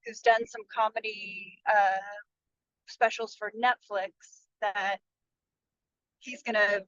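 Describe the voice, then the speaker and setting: A woman's voice: mid-range voice, little pitch movement, takes it slowly, a bit bright, dry recording. A woman filmmaker chatting on a video call over her car speakerphone while driving on the freeway, chatty and rambling. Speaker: filmmaker and producer. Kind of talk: casual video-call chat. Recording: dull lo-fi speakerphone line from a moving car.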